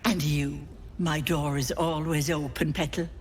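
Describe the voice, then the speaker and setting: A woman's voice: sits low, steady tone, measured pace, a little hiss or hum. A woman playing an old auntie hag in a video game, wheedling and scolding with mock-sweet endearments. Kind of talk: video game character acting.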